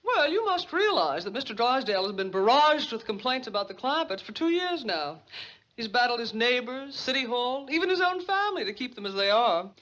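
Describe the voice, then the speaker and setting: A woman's voice: a little high, very animated, fairly quick, a bit bright, low-quality recording. A woman playing a prim, amused secretary in a sitcom, speaking in an articulate, teasing way. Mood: wry. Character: prim, amused, efficient female banker's secretary. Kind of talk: sitcom acting.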